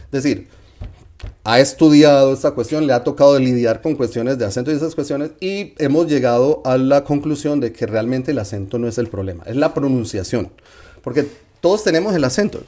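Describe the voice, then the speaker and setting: A man's voice: medium pitch, a little fast, mellow. A man with a Colombian accent who hosts a casual interview in a chatty way and adds his own thoughts. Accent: Colombian Spanish. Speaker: podcast host.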